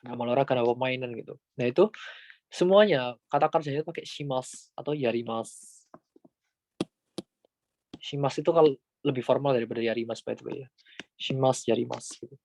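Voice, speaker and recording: A man's voice: mid-range voice, brisk, long pauses, darkish tone. A man giving a casual, chatty Japanese grammar lesson, full of fillers and asides to his students. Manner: chatty, informal, many fillers like "gitu". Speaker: Japanese language tutor.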